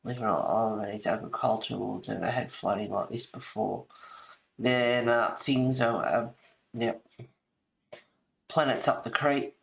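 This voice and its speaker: Raspy, low-key chatty middle-aged woman. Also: measured pace, long pauses, slight background noise, rough recording. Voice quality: raspy smoker's voice with a cough. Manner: rambling, giggly, reading aloud and replying to viewers. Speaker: host of a colouring video. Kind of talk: casual chat to live viewers.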